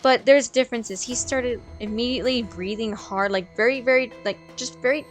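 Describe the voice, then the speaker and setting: A woman's voice: on the high side, moderate pace, soft background music. A woman co-hosting a casual review chat, retelling scenes and searching for words. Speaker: podcast co-host.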